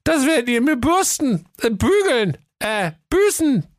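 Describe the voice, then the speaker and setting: A man's voice: very high-pitched, big pitch swings, measured pace, no echo, clean studio sound, pitched above the performer's own voice, exaggerated voice. A man voicing a drunken, cheeky woman programmer who slurs and trips over her words. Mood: indignant. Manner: slurred, tipsy, stumbles over words. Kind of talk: comic radio fairy-tale acting.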